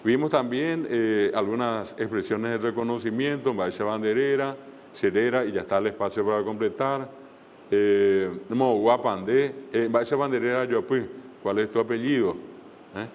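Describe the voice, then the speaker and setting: A man's voice: fairly low pitch, normal speed, darkish tone, in a large hall, a little hiss or hum. A man teaching a language class online, explaining step by step with frequent fillers and repeated examples.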